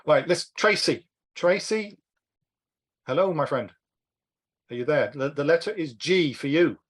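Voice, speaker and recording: Brisk man running an online word game. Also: a little high, lively intonation, husky. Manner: brisk, encouraging, urges speed. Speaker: online workshop host. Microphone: video call.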